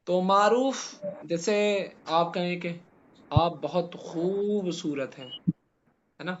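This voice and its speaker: A male grammar teacher giving a classroom lesson, spelling out letters slowly and putting questions to his students. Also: sits high, muffled recording, noisy background.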